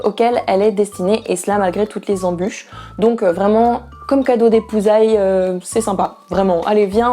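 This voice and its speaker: A young woman chats about books straight to her camera, playful and full of little asides. Her voice is warm and mellow, and faint music plays underneath. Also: medium pitch. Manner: chatty, playful, frequent fillers and asides. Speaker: book vlogger. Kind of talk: casual book talk to camera. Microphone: camera mic.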